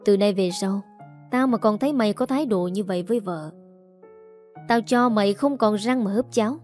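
A woman's voice: mid-range voice, normal speed, darkish tone, soft background music, natural voice. A woman doing a harsh young master of the house. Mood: threatening. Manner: cold and threatening.

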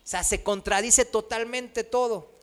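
A man preaching a sermon, asking rhetorical questions and tagging his points with a quick "¿no?". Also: very high-pitched, steady tone. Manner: rhetorical questions with frequent tag "¿no?"; acts out quoted voices.

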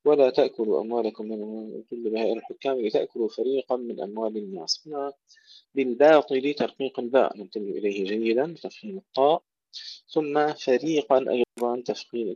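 A man teaching tajweed, slowly and precisely reciting Quranic words and repeating them to contrast correct and wrong pronunciation. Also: mid-range voice, warm tone, dry recording, highs cut off. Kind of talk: tajweed lesson with recited examples. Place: home or small room, steps away to handle a phone.

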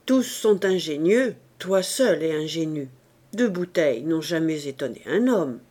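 A woman's voice: low voice, lively intonation, a little slow, dark tone, pitched below the performer's own voice. A woman reading a bitter drunken young wit. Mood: mocking. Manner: bitter, declamatory rant. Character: cynical drunken young man, gloomy wit. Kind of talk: audiobook character reading.

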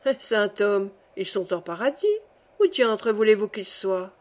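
A woman's voice: medium pitch, a little slow, darkish tone, lightly acted. A woman voicing a grand male angel who keeps a ledger, speaking formally and asking pointed questions. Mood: solemn.

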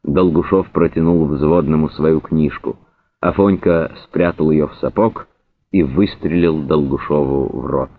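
A man reading literary narration aloud in a measured, even way. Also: rumbling low. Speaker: audiobook reader. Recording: narrow phone-like sound.

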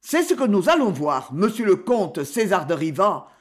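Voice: medium pitch, sing-song, moderate pace, lightly acted. The narrator reading the lines of a shrewd male detective in an audiobook, in an emphatic, commanding way.

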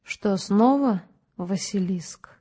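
A woman voicing a calm, patient male doctor who explains things in a measured way. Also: mid-range voice, breathy edge.

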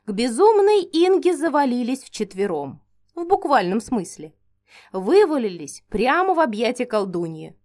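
A woman narrating a first-person fantasy audiobook in a steady storytelling reading. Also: on the high side, normal speed.

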